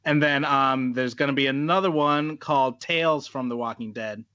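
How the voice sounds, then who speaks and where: Bright-toned man on a dull, lo-fi mic. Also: mid-range voice, normal speed, smooth. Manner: explains with many "like" and "uh" fillers. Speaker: podcast co-host. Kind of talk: casual chat.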